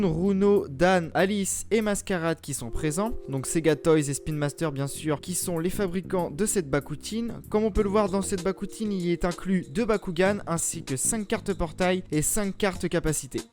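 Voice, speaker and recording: A man's voice: fairly high pitch, moderate pace, hardly any pauses, darkish tone, faint music behind. A man hosting a casual unboxing video at home, chatty and often hesitating with fillers. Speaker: YouTube host. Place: home set in front of a green screen.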